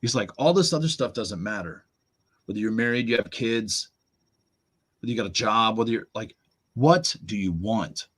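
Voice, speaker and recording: Brief: man, low-pitched and husky, guest telling lively stories, jumps up in pitch when quoting others. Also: fairly quick, long pauses. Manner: animated storyteller, acts out quotes in raised voice. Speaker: podcast guest. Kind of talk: storytelling conversation.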